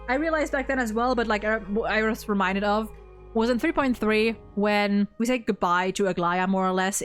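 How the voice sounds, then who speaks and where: Her voice smooth and medium-pitched, a woman co-hosting a video game story ranking stream talks like an enthusiastic fan in a casual, animated discussion. She's effusive and swears, frequently stammering on repeated words.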